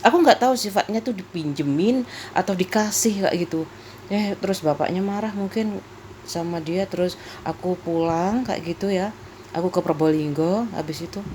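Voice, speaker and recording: A woman's voice: on the low side, a little mellow, a little hiss or hum. A middle-aged woman, chatting casually in her vlog and laughing often. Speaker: vlogger. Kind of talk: casual chat.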